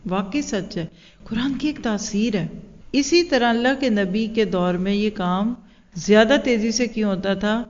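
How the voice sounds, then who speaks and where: A woman's voice: mid-range voice, a little mellow. Earnest woman lecturing in a hall. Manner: earnest, asks rhetorical questions. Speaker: religious teacher. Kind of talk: religious lecture. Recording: lo-fi sound in a reverberant hall.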